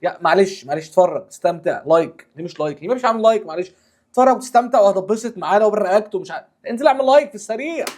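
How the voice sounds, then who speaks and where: A man's voice: high voice, rapid-fire. A man with an Egyptian accent hosting a football reaction video, exclaiming and repeating himself as he reacts to clips. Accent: Egyptian Arabic. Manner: animated, exclaiming, repeats words. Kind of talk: excited reaction commentary.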